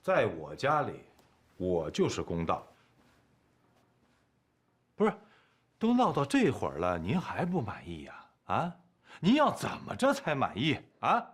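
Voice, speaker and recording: A man's voice: mid-range voice, wildly swooping pitch, measured pace, long pauses, husky, heavily acted. An actor playing a domineering, blustering middle-aged husband and father in a TV drama. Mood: indignant. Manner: blustering, bossy. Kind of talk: TV drama acting.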